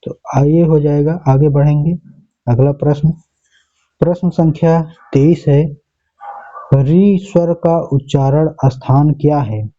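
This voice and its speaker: A man's voice: a little high, steady tone, slow pace, warm tone. A male teacher working through an exam paper step by step, often repeating answers and checking in with the class. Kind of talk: exam paper walkthrough lesson. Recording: dull lo-fi recording.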